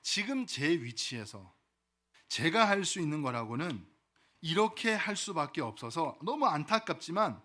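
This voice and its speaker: Humble, sincere young salesman, played by a male preacher in a story: bright, earnest. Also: on the high side, sing-song, normal speed, full character voice.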